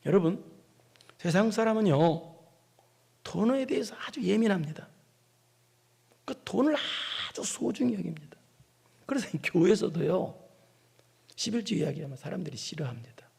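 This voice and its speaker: Animated gravelly-voiced male pastor preaching. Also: high voice, normal speed, long pauses, long reverb tail. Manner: animated preaching, scolding tones, rhetorical questions. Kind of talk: sermon. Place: church sanctuary.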